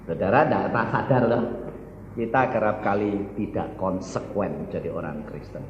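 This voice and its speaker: A male evangelist preaching a sermon, often firing questions at the congregation and swinging between loud and soft. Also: low voice, moderate pace, slight background noise. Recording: echoey hall, dull lo-fi sound.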